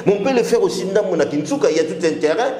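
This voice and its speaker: A man's voice: high voice, expressive, quick pace, warm tone. Emphatic man, echoey room. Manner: emphatic, mixes French and Lingala. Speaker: political guest. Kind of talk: political talk show discussion.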